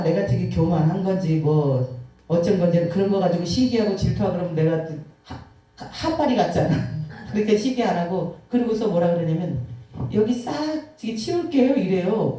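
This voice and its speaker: A woman preacher giving an emotional testimony sermon, telling stories vividly with sighs and acted-out quotes. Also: lowish voice. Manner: animated storytelling, acting out quotes, sighing. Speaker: guest preacher. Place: church sanctuary. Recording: echoey hall from far off.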